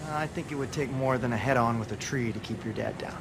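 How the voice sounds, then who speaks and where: A man's voice: mid-range voice, fast talker, lightly acted. An actor playing an easygoing local man with dry humor in a film. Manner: laid-back, dry humor. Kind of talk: film acting. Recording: film dialogue with clear background noise.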